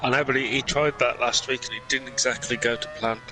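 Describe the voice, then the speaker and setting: A man's voice: mid-range voice, fairly even intonation, brisk. A man chatting along as a co-commentator on an online race, making dry, teasing remarks. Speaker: co-commentator and fellow racer. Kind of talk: casual banter. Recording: noisy game audio behind voice.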